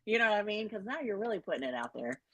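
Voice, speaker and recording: A middle-aged woman health coach and author, chatting in an interview in an animated, self-deprecating way with many fillers. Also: medium pitch, rapid-fire, no room sound. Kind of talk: casual interview chat.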